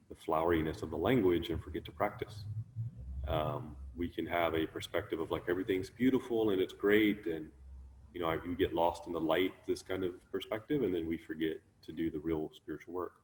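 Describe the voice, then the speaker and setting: A man giving a relaxed, conversational Buddhist teaching online, musing aloud with many ums and restarts. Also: sits low, big-room sound, a little hiss or hum. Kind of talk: conversational dharma talk. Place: online talk, sharing his screen.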